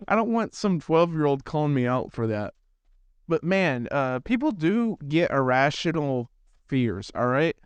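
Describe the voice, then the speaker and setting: A man's voice: on the high side, sing-song, measured pace, smooth, no room sound, muffled recording. A teenage boy hosting a gaming channel, telling a rambling, self-deprecating story in casual chat with lots of restarts. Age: teens.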